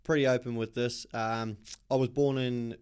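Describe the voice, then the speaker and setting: A man's voice: medium pitch, flat delivery, normal speed, darkish tone, smooth. A man with a New Zealand accent, a podcast guest talking openly and reflectively about his life, with many ums. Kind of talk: personal storytelling in an interview.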